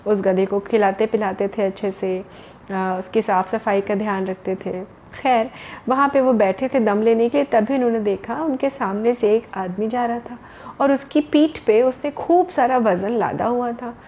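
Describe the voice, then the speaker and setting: A woman's voice: a little high, moderate pace, darkish tone, a little hiss or hum. A woman storyteller narrating a tale to children, explaining words as she goes and addressing them directly.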